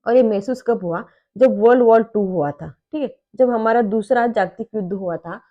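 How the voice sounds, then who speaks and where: Woman teacher with a mellow, dull-sounding voice. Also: medium pitch. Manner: conversational, asks checking questions. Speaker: exam prep teacher. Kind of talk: explaining a lesson in Hindi.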